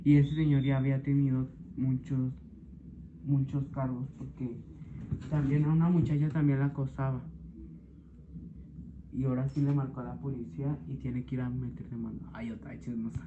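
A man's voice: medium pitch, level tone, normal speed. Chatty Mexican man, tinny noisy audio. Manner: chatty, gossipy, frequent "ay, no" exclamations. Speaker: vlogger. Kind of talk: casual home vlog chat. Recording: tinny lo-fi audio with clear background noise.

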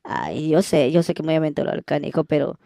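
A man's voice: on the high side, sing-song, quick pace, creaky, mellow, no room sound, clean studio sound. A man playing a flirty, gossipy woman fan, gushing and coy in a comedy sketch.

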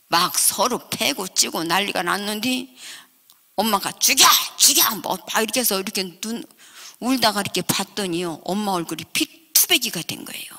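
A woman's voice: medium pitch, bright, forceful tone. Older woman, Chungcheong accent, church reverb. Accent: Chungcheong Korean. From Chungcheong region, South Korea. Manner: vivid storytelling, acting out family voices. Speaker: guest revival speaker. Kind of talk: emotional testimony at a revival meeting. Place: church sanctuary. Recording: long church-hall reverb.

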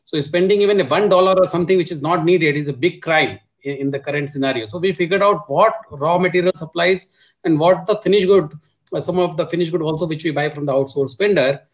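A middle-aged man with an Indian accent, a supply chain executive, speaks quickly in a slightly high voice. He's a panelist on a video call from an indoor room, explaining business matters and leaning heavily on repeated filler words.

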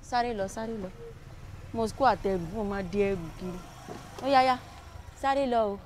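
An actress playing a fierce Nigerian mother with a Yoruba accent, scolding loudly and mixing Pidgin and Yoruba. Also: medium pitch, quick pace, slight background noise, close to an everyday voice. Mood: bossy. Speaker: mother of Basira.

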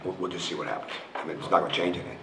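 A man's voice: deep voice, fairly even intonation, rapid-fire, noisy background. A middle-aged man, a basketball coach, answering reporters frankly at a post-game press conference, often repeating and restarting his phrases. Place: press room in front of a logo backdrop. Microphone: table mic on a stand. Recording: roomy, picked up from a distance.

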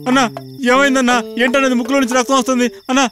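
A man's voice: extremely high pitch, flat delivery, racing. An actor playing a fretful henchman who keeps pleading with and fussing over his boss in a dubbed film comedy. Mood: panicky. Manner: pleading, fussing, repeating brother. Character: frantic, fretful male henchman. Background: film score music.

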